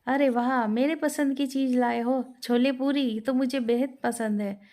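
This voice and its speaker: Storybook role: woman narrator voices gluttonous young bride, whiny and demanding, raised higher pitch. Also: fairly even intonation, unhurried, darkish tone. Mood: delighted. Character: young bride, greedy glutton, always whining for food.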